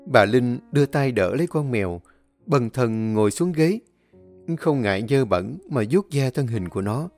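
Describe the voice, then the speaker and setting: A man narrating an audio story in a steady, measured reading. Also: medium pitch, faint music behind.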